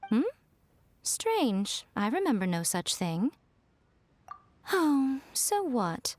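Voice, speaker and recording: A woman's voice: a little high, big pitch swings, very slow, slight background noise, exaggerated voice. An actress playing a playful, self-satisfied, sly woman in a video game, with a coy, airy delivery. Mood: smug, feigned innocence. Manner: coy, airy, teasing, theatrical. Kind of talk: video game character acting. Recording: music behind the voice.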